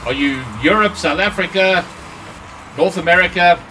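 A man's voice: high voice, moderate pace, pushed and bright, recorded from a distance, slight background noise, rough recording. A man commenting on his own gameplay during a live stream, his voice run through a voice changer. He chats with viewers between plays and swears when things go wrong. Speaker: gaming streamer.

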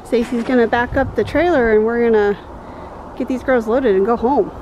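A woman's voice: fairly high pitch, moderate pace, background noise. Woman dairy farmer explaining in a barn. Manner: relaxed, explanatory, with fillers. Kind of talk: casual farm vlog talk. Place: open-sided barn outdoors.

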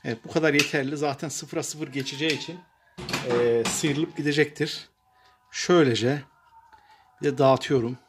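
Guy explaining a fix while he works, bit high voice, slow with lots of uh pauses, faint noise behind. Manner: plain and unhurried, addresses viewers as friends, frequent filler pauses. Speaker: DIY repair presenter. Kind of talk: step-by-step workshop demonstration. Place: workshop bench and outdoor paved yard.

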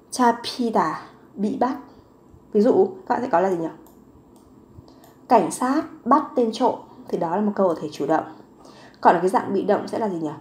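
A woman's voice: mid-range voice, a little mellow. Patient woman teaching grammar, echoey room. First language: Vietnamese. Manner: patient, repeats words slowly for learners. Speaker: Korean language teacher. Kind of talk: grammar lesson explanation.

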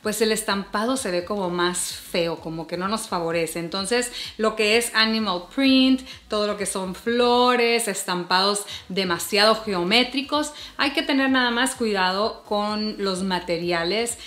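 A woman's voice: mid-range voice, unhurried, hardly any pauses. Forties woman vlogger, friendly advice to camera, recorded in an echoey bedroom. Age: 40s. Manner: warm chatty tips, addresses viewers as "hermosas". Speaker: fashion and beauty vlogger. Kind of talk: casual advice vlog to camera. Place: bedroom, seated before a bed. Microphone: camera at chest framing. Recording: roomy bedroom echo.

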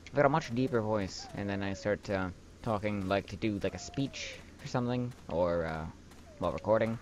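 Over background noise, a young let's play commentator speaks at normal speed in a lowish voice. He jokes and rambles casually through his video game, adding wry asides along the way.

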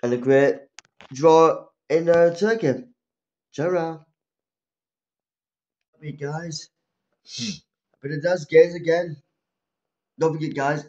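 A young man chatting casually to viewers in a vlog, low-key and halting, under the weather with a cold. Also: fairly even intonation, a little mellow. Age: young adult. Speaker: vlogger. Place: small room at home. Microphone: phone at arm's length. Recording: dull lo-fi phone audio.

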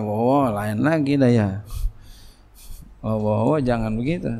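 A middle-aged man a gravelly, creaky voice and a lilt gives a relaxed religious lecture. He talks the way he would in conversation, repeating himself and tossing out rhetorical questions. His pitch sits in an ordinary middle range. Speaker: Islamic boarding school teacher.

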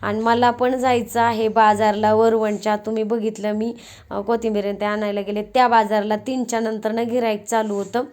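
A woman's voice: fairly high pitch, level tone, normal speed, darkish tone. A young woman, chatting homely and straight to her viewers as she narrates her vlog. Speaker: vlogger.

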